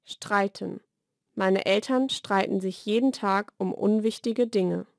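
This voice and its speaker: Speaking in a gravelly mid-range voice, a woman works through a scripted vocabulary lesson, alternating between lone words and brief example sentences. Her delivery is deliberate and evenly paced. It's a dry, close-miked studio voice-over recording.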